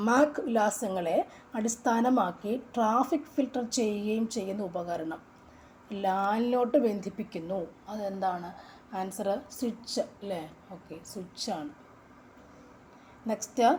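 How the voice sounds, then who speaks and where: A woman's voice: mid-range voice, a little mellow, slight background noise. A woman with a Malayali accent who coaches students for exams, going through test questions in a casual way and saying each answer several times. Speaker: exam coaching teacher. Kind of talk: casual exam-question walkthrough.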